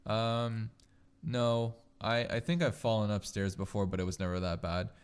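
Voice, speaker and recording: A man chatting casually as a podcast co-host, telling rambling, animated stories peppered with swearing. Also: fairly low pitch, moderate pace, smooth. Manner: swears freely. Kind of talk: casual chat and storytelling.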